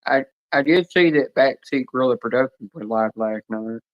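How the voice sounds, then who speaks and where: A man talks at an ordinary middle pitch, rambling from one story to the next in casual chat. His voice comes through a dull, lo-fi stream mic. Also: moderate pace.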